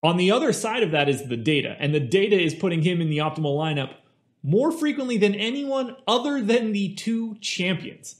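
A man's voice: high-pitched, lively intonation, brisk. A man hosting a fantasy sports picks show, talking through stats and rankings in a casual, conversational presenter style. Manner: casual, conversational, stat-heavy delivery.

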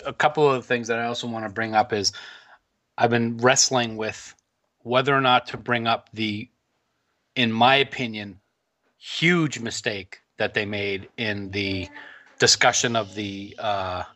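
A man's voice: lowish voice, fairly even intonation, a little slow, sharp tone. A man co-hosting a podcast, chatting casually and joking around. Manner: joking, playful, laughs often. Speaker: podcast co-host.

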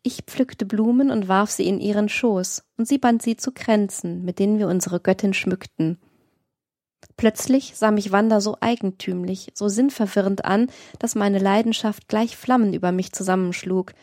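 A woman narrating a classic novel as an audiobook, expressive and theatrical. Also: mid-range voice, moderate pace, dry recording, clean studio sound. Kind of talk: scripted literary audiobook reading.

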